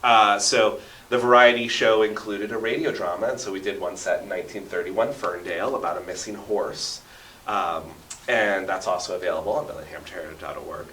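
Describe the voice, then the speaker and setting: A talkative man in his thirties, appearing as a radio interview guest in a basement radio station studio, tells stories with enthusiasm and dramatic emphasis. His low voice is steady yet sharp in tone and brisk in pace. The recording has roomy echo, a little hiss or hum, and he sits distant from the mic.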